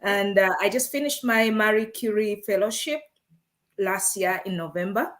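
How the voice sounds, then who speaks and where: A woman's voice: medium pitch, moderate pace. A woman from Uganda, a guest in an interview, telling her story in a friendly way and laughing between phrases. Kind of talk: interview answers.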